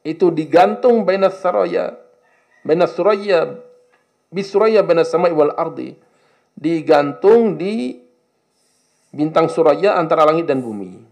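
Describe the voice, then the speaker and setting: Religious teacher guy quizzing a quiet class, kinda high and gravelly. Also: normal speed. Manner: questioning, coaxing students to answer. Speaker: Islamic teacher. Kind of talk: classroom lesson on Arabic text.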